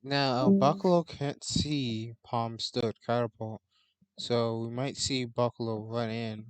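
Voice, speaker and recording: A man commentating live on a strategy game, offering measured and cautious predictions. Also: medium pitch, fairly even intonation, smooth, low-quality recording. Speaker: esports commentator.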